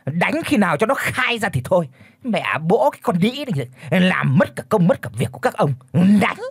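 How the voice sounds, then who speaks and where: A tyrannical old village chief in a storybook, yelling and threatening with a husky voice pushed high, as a man puts him on. His pitch swings wildly as he rants. The sound is close and dry. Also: big pitch swings, a little slow, no echo. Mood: bullying. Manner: shouting, threatening, bossy. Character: bullying, foul-mouthed old male village chief.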